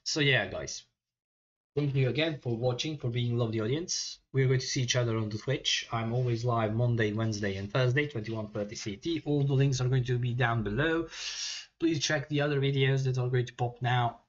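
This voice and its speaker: A man giving a casual review of video game players, halting with frequent filler sounds and reading off lists of traits. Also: medium pitch, highs cut off.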